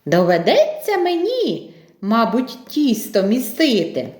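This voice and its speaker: A woman voicing a hardworking, cheerful little rooster in a storybook tale, calling out in a high sing-song voice. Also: huge pitch swings, slow, darkish tone, full character voice. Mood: calling cheerfully. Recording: echoey room.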